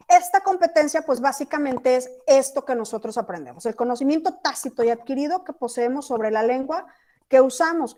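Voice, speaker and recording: A high-voiced woman teacher from Chiapas, Mexico, gives an online class lecture over a video call. She keeps checking whether her students are following along. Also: a little mellow. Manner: checks in often with students, asking "¿sí?".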